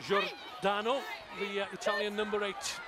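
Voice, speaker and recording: A man with a high, light voice calls a match live, filling the gaps with friendly asides about the players. Loud outdoor crowd roar and field noise surround him. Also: monotone, normal speed. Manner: chatty, anecdotal, fond of background details. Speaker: match commentator. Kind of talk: live sports commentary. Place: outdoor stadium.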